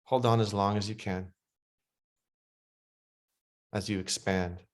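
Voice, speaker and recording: Calm low-voiced man guiding meditation. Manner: slow, soothing spoken instructions; softer and quieter in relaxation passages. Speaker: meditation guide. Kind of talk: guided breathwork meditation.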